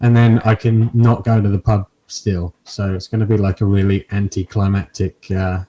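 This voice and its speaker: A man's voice: lowish voice, level tone, normal speed, mellow, lo-fi sound. A man chatting casually as a podcast host, with dry, self-deprecating, sweary humour. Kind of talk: casual comic chat.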